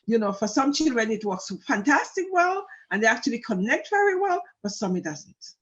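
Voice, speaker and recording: A woman's voice: a little high, very animated, moderate pace, fairly bright tone. Woman host with dull lo-fi sound. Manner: prompting, conversational. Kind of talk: casual interview talk. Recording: dull lo-fi audio.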